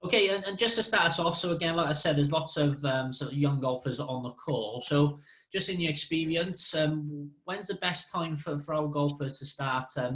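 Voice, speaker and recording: A man's voice: a little high, a bit bright. Male session host in an echoey room. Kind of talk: presenting a Q&A session.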